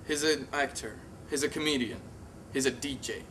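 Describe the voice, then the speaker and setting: A man's voice: medium pitch, normal speed, fairly bright tone. A man hosting an interview, asking light and playful questions. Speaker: interview host. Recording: distant mic with faint background noise.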